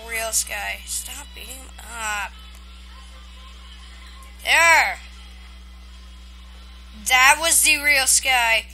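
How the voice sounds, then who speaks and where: Excitable woman gamer, high bright voice, live play commentary. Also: low-quality recording. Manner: excitable, yelling and laughing at the game.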